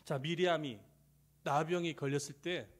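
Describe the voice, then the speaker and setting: A middle-aged male pastor preaching a sermon, swinging between loud rises and soft near-whispers, and acting out quoted voices. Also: a little high, fairly even intonation, normal speed. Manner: acts out quoted voices in dialogue.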